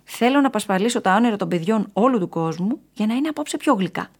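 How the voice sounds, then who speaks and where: A woman's voice: medium pitch, lively intonation, pitched above the performer's own voice, close to an everyday voice. A woman doing a stern scolding dream keeper.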